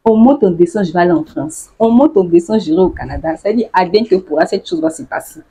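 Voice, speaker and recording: A woman vlogger who laughs often and acts out the phrases she explains in a casual, lively way. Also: fairly low pitch, quick pace, husky. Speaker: YouTuber explaining local slang.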